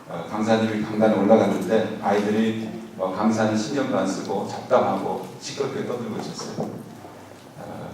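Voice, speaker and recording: Man lecturing in an echoey church hall. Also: lowish voice. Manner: conversational, with frequent fillers, and leads the audience in repeating words. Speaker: seminary professor lecturing at a church academy. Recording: echoey hall, voice from far off, clear room noise.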